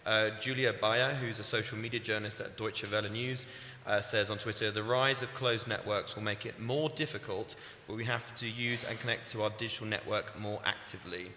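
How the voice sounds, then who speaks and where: Low-voiced man moderating a panel. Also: fairly even intonation, pushed and bright. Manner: brisk, directs questions. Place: conference hall, live panel. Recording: echoey hall with faint noise.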